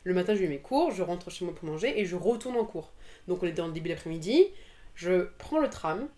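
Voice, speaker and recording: A woman introducing herself and recounting her day in a relaxed, casual way. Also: fairly low pitch, brisk. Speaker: interviewee. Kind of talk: personal testimony.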